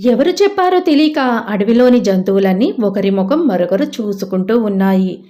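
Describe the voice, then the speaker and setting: A woman narrating a children's moral story in a lively, expressive storybook style. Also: medium pitch, normal speed.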